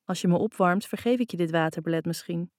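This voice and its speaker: A woman reading the lines of a playful, flirty grown man in an audiobook, in a relaxed, teasing way. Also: sits high, fast talker, no echo, studio quality, natural voice. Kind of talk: audiobook character voice.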